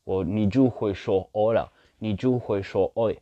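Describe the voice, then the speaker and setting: A man speaking non-native Mandarin with a foreign accent, talking casually and haltingly as he searches for words and repeats phrases for emphasis. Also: lowish voice, mellow, no echo. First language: not Mandarin. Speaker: language learner sharing his experience. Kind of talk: casual monologue in a learned language. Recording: dull, slightly lo-fi sound.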